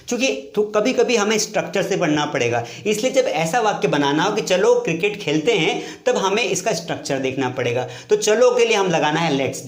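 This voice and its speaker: A man teaching an English lesson to students he calls dear children, often asking a question and then answering it himself and repeating key points. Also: sits high. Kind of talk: classroom lesson. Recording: echoey room.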